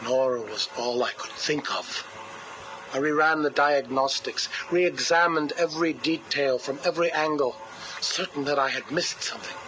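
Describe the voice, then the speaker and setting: Grieving cold scientist on cassette tape. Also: male voice, fairly high pitch, pushed and bright, low-quality recording. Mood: mournful. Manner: slow, controlled, mournful delivery. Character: cold grieving male scientist, obsessive and measured. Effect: played back from a cassette tape recording. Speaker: interview subject. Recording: hissy cassette tape playback.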